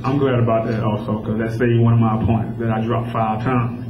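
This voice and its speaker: A man's voice: on the low side, flat delivery, fairly quick, a crowd in the background. A man in his twenties, an MMA fighter answering at a press conference with confident, punchy boasting. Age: 20s. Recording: echoey, noisy, muffled room recording from afar.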